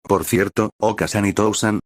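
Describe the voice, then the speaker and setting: Calm, steady teen ninja boy, low and dry, read by a man. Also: normal speed, no room sound, lightly acted. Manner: calm, steady, matter-of-fact. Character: teenage boy ninja hero, calm and direct.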